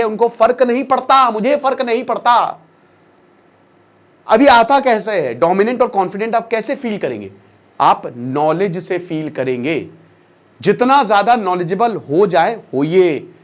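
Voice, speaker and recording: Emphatic high-voiced man giving a lecture. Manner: emphatic, mixes English phrases into Hindi. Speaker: educator. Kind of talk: motivational lecture.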